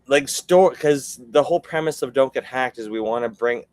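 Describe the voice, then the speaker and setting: A man's voice: mid-range voice, normal speed, darkish tone, no echo, low-quality recording. A Canadian man hosting a live online show, rambling with many fillers and self-corrections. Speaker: host. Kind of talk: casual livestream chat.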